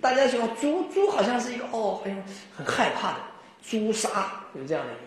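A man giving a Buddhist dharma talk, telling stories in an animated way and often chuckling. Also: high-pitched, brisk. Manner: animated storytelling, frequent chuckles. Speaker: Buddhist teacher. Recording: very echoey room.

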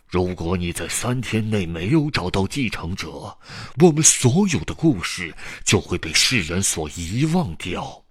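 Deep stern ghost done by a man, slow commanding, storybook voice, dry sound. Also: a bit bright, breathy edge, no echo, exaggerated voice.

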